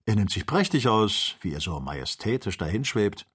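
A man voicing a blunt male hunter companion who exclaims briskly, in an audiobook reading. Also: fairly low pitch, very animated, husky. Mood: admiring.

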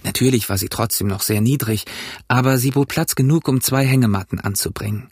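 A man narrating an audiobook in an even storytelling delivery. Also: medium pitch, a little fast, husky, dry recording, studio quality. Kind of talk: scripted narration.

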